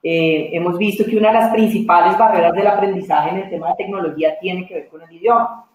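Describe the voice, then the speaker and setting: A woman's voice: on the low side, fairly even intonation, fast talker, phone-quality sound, slight background noise. A woman moderating a webinar panel, setting up questions at length with hesitant fillers. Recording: very echoey room.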